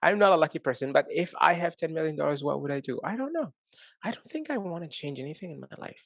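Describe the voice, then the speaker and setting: A man's voice: on the high side, animated, fast talker, gravelly, fairly bright tone, dry recording, clean studio sound. Laid-back joking man on a video call. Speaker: guest. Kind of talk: casual interview answers.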